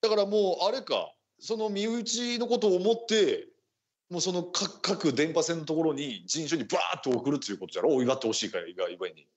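Guy doing a ninja boss hosting radio, husky voice, old samurai talk, really lively pitch. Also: brisk. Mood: musing, bantering. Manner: archaic samurai-style speech. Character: bantering ninja chief speaking like an old-time warrior. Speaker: radio show host.

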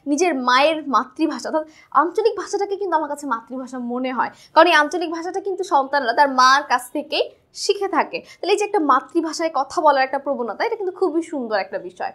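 A woman's voice: high voice, expressive, fast talker, a bit bright. A woman from Bangladesh teaching a school textbook chapter in a chatty way, often checking with "right?".

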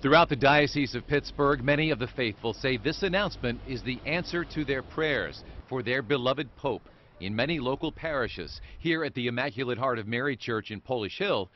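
A man reporting a local TV news story in a measured, formal delivery. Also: mid-range voice, expressive, muffled recording.

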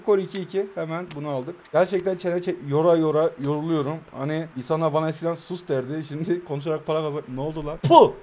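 Young Turkish man, high voice, excitable self-talking game commentary. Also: fast, hardly any pauses. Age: 20s. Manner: excitable, self-talking, swings from calm mutters to loud outbursts. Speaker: mobile football gamer and streamer. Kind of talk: live gameplay commentary.

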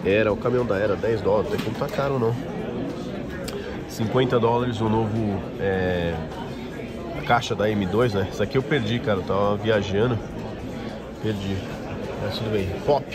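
A man's voice: lowish voice, moderate pace, long pauses. A Brazilian man with a Brazilian Portuguese accent, chatting informally and in slang as he gives a casual walk-around vlog commentary. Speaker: toy collector and vlogger. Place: busy toy convention, recorded on the move. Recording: busy crowd noise of a convention. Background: crowd chatter.

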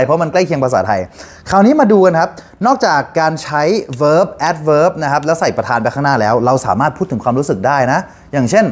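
A man with a somewhat high-pitched voice gives a casual English lesson to learners. He explains each step clearly and keeps asking them to repeat after him. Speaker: English teacher. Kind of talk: casual spoken language lesson.

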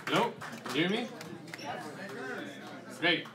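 A man's voice: sits high, slow, over a noisy crowd, heavy background noise. Icelandic man presenting in an echoey room. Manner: relaxed, conversational with frequent fillers. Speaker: guest presenter. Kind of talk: slide presentation to an audience. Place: dim restaurant event room. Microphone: handheld mic.

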